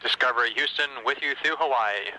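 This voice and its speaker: A man's voice: mid-range voice, a little fast, low-quality recording. A man at mission control giving procedural, matter-of-fact technical recommendations over the radio. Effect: radio transmission. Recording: sharp radio link with faint noise.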